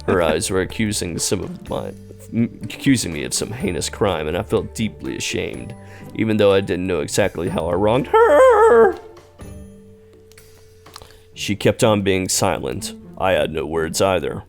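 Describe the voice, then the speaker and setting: Gravelly young man reading narration. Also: low voice, wildly swooping pitch, faint music behind. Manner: playful, quick to laugh. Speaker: streamer. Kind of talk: reading game narration aloud.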